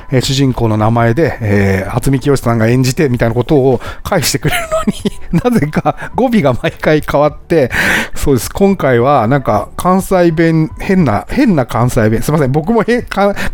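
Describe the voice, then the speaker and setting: A man's voice: medium pitch, darkish tone. A man hosting a casual travel podcast, chatting and often laughing at his own stories. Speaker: podcast host and travel Instagrammer.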